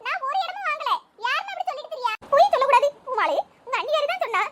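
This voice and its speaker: A woman voicing chatty village women in an animated cartoon comedy, in a squeaky sped-up tone. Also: racing. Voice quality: very high, sped-up chipmunk-like tone. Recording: loud background hiss.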